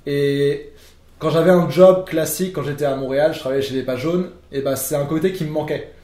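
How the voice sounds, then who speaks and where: Recorded in an echoey room, a young French podcast guest from France goes on at length in a relaxed conversation, often using fillers and restarting sentences. He speaks briskly in a warm, fairly high voice.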